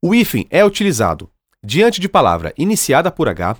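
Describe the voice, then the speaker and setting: Male voice-over for a grammar lesson, fairly high, lively delivery, dry close mic. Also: husky, no room sound. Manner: even, measured reading of rule lists. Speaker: grammar narrator. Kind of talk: scripted narration of grammar rules.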